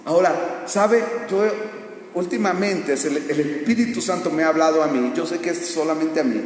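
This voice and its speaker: A man with a Mexican Spanish accent preaching a sermon in a church, bursting into shouted climaxes and asking rhetorical questions. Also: a little high, normal speed, a little hiss or hum. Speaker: pastor. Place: church sanctuary. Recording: echoey church hall, far from mic.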